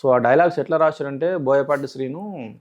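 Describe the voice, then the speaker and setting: A man's voice: medium pitch, a little fast, darkish tone, lo-fi sound. A man, an interview guest boastfully recounting his auditions. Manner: boastful, insistent storytelling. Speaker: interview guest, aspiring actor. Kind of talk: casual interview.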